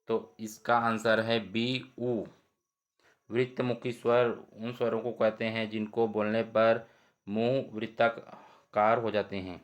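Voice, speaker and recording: A male teacher working through exam questions one by one, reading every option aloud before he explains the answer. He speaks slowly and deliberately. His pitch barely moves and stays even and level. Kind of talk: exam quiz lesson.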